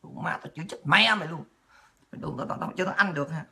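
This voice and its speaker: A woman's voice: deep voice, quick pace, gravelly, bright, forceful tone. A woman hosts a political livestream, scolding and mocking in a profane rant. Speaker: political talk show host.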